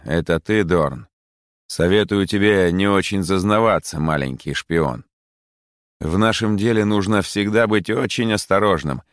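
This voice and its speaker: A man voicing a sinister robot kite admiral, speaking slowly and commandingly. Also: low-pitched, a bit bright, dry recording, studio quality.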